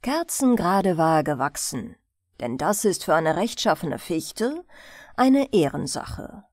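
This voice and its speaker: A woman with a fairly low voice reads a fairy tale as a bedtime audiobook, expressive and measured. There's no room sound at all.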